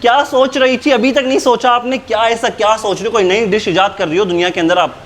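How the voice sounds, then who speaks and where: A man playing a rude cafe owner in a hidden-camera prank, brash and mocking with rapid-fire teasing. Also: high-pitched, steady tone, fairly bright tone.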